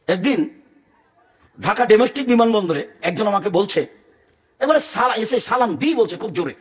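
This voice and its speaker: A high-pitched man from Bangladesh delivers an emotional sermon. He speaks hard and forcefully, weaving in Arabic recitation. He fires rhetorical questions at his listeners. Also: lively intonation, normal speed. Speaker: Islamic preacher.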